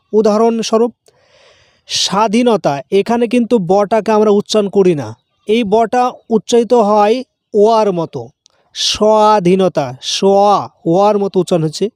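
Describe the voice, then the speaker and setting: A man teaching a grammar lesson, explaining slowly and acting out spoken examples. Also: high-pitched, dark tone, dry recording, studio quality.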